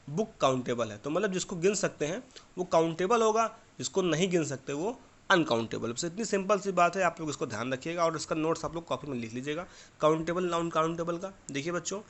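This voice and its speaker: A man's voice: fairly high pitch, a bit bright. A young man teaching English grammar to schoolchildren, explaining patiently in Hindi with Indian-accented English examples. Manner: patient, repeats "theek hai" to children. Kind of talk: classroom lesson explanation in Hindi.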